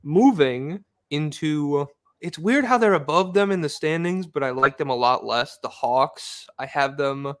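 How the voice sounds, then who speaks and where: A man's voice: a little high, expressive, measured pace, no room sound, studio quality. A man co-hosting a podcast, chatting loosely about basketball with lots of fillers and the odd swear word. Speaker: podcast co-host. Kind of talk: casual basketball chat.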